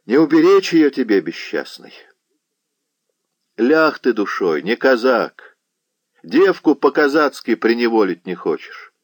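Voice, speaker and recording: A man voicing a loud, sharp-tongued old witch woman in an audiobook, with a shrill, mocking way of talking. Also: big pitch swings, a little slow, no echo, studio quality. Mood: scolding.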